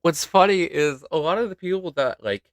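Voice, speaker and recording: Young male co-host, very lively pitch, loud laugher, dry close mic. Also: a little fast, no echo. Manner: animated, laughs loudly, swears. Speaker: podcast co-host. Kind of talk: casual chat.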